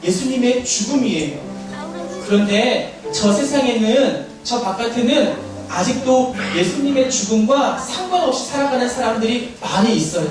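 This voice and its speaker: High-voiced man preaching to children. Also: normal speed, over music. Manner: animated, talks directly to children with questions. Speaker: children's pastor. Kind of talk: children's sermon. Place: church sanctuary. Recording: echoey church hall, mic at a distance.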